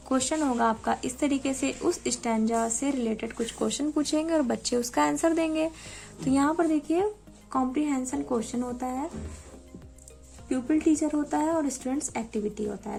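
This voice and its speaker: A young woman training to teach, walking viewers through a lesson plan in an explanatory tutorial style and reading quoted English lines slowly and deliberately. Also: high voice, vocal fry, darkish tone. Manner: explanatory, addresses viewers directly. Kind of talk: spoken tutorial walkthrough.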